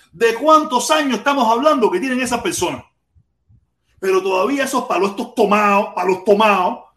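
A man's voice: sits high, a bit bright. Heated Cuban man ranting in an echoey room. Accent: Cuban Spanish. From Cuba. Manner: heated, profane, repetitive ranting with rhetorical questions. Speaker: podcast host. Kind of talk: live podcast rant.

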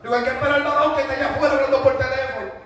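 A man with a Dominican accent preaching a sermon, telling stories with colloquial asides and building to shouts. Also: extremely high pitch, steady tone, racing, slight background noise. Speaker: pastor. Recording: very echoey church hall, from far off.

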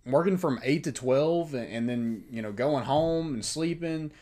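A man's voice: medium pitch, measured pace, mellow. A man in casual sports chat, rambling with lots of fillers and strong opinions.

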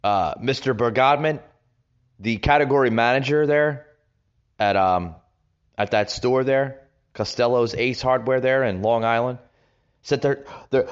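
A man hosting a political podcast, ranting with stumbling restarts, recorded with a makeshift setup in a rented vacation home with echo. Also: medium pitch. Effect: echoey room sound. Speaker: podcast host. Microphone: makeshift home setup without his usual equipment. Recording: dull lo-fi, echoey room.

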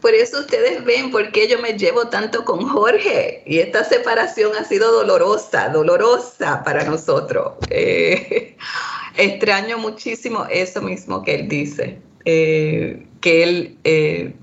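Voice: medium pitch, animated, slow pace, vocal fry, fairly bright tone. A scholar born in Puerto Rico and raised in the United States, speaking hesitantly on an academic panel with frequent fillers. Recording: dull lo-fi sound.

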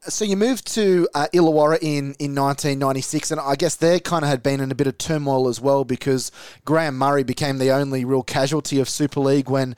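A man's voice: medium pitch, steady tone, fast, a little mellow, clean tone, dry recording, clean studio sound. A man hosting a podcast, asking long, thorough questions with small restarts. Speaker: podcast host. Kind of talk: interview questions.

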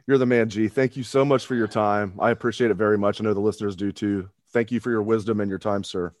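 Low-voiced joking podcast host man. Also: fairly even intonation, fast, a little mellow, dry recording. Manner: joking, exaggerated complaining, friendly. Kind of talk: casual sports podcast chat.

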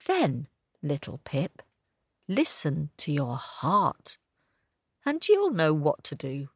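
A calm and gentle old holy man who reassures softly, as a woman storyteller puts him on. He speaks slowly and kindly. The sound is dry and close. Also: low-pitched, breathy edge, no room sound, exaggerated voice. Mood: reassuring. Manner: soothing, reassuring.

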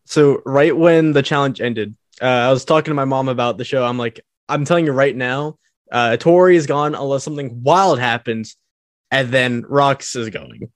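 A man's voice: mid-range voice, moderate pace, no room sound, studio quality. A man co-hosting a casual podcast, telling stories and acting out quotes, with frequent "uh"s. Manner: storytelling, acts out quotes, with filler "uh"s. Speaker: podcast co-host.

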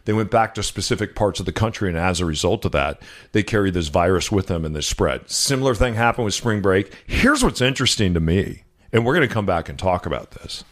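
A man from the American Midwest co-hosting a radio talk show, explaining things in a conversational way. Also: lowish voice. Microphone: studio microphone.

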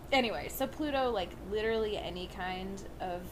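Co-host type: relaxed woman with vocal fry, rambling casual talk over a steady hiss. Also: medium pitch, brisk, poor audio. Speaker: podcast co-host. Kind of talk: casual chat. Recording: steady background noise.

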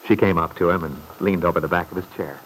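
A man narrating a 1940s radio drama in a measured, scripted storytelling manner. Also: deep voice, slight background noise, poor audio.

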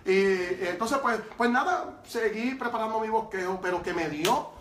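Preacher guy telling his story, high voice, kinda far from the mic. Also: moderate pace. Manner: lively, emphatic, with repeated fillers. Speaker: preacher sharing testimony. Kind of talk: storytelling testimony. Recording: roomy sound from far off.

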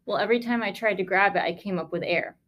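A woman's voice: mid-range voice, fast talker, fairly bright tone. A woman podcast host, a lung doctor, telling a case story in a conversational, emphatic way with sarcastic asides.

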